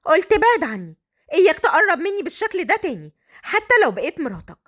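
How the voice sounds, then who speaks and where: A woman's voice: very high-pitched, sing-song, quick pace, a bit bright, voice pushed up, heavily acted. A woman voicing a proud, defiant young bride.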